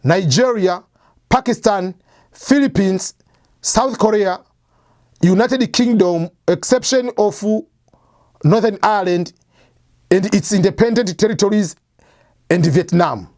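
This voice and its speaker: Unhurried and full of long pauses, a high-pitched, slightly mellow male voice delivers an explanatory talk to camera, recorded dry at studio quality. He's an immigration advice channel host who lays things out step by step and conversationally answers his own questions.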